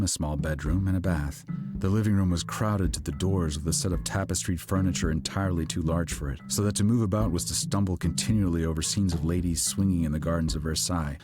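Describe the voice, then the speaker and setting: A man with a low-pitched voice narrates literary fiction for an audiobook, reading a scripted story at a fairly quick pace. Music plays behind his voice.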